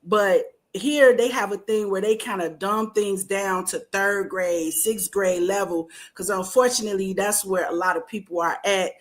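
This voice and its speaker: A woman's voice: mid-range voice, normal speed, hardly any pauses. A woman hosting a podcast in a casual interview, hyped and encouraging as she talks. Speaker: podcast host.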